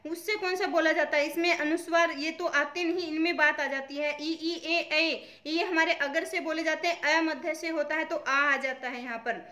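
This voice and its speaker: A woman's voice: high-pitched, fairly even intonation, moderate pace, hardly any pauses, pushed and bright. A woman teaching an exam-prep grammar lesson, explaining step by step by asking questions and answering them herself. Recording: echoey room.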